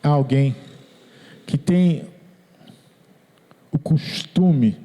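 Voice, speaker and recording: A man's voice: on the high side, very slow, mellow. A man, preaching a sermon as pastor, earnest and repeating his phrases, quoting people in their own words. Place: church hall. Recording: long hall reverb.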